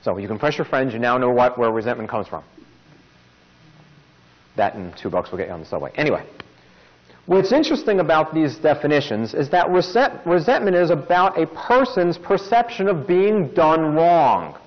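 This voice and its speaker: Lively wry man. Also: fairly high pitch, normal speed. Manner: wry jokey asides, lively delivery. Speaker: podcast host. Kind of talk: informal self-help talk. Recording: dull lo-fi recording.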